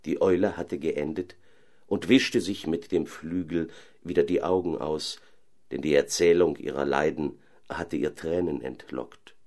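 Deep voiced guy reading a fairy tale, calm and even. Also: a little slow. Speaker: narrator. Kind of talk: fairy tale audiobook narration.

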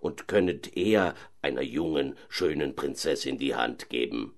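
A man's voice: extremely low pitch, moderate pace, voice pushed down. A man voicing a reluctant, grumbling old grand vizier who has been turned into a stork.

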